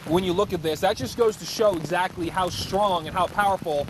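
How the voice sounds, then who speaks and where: A man's voice: sits high, a little fast. A male field reporter ad-libbing a live storm report outdoors, raising his voice emphatically over wind and rain. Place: outdoors on a city street in pouring rain.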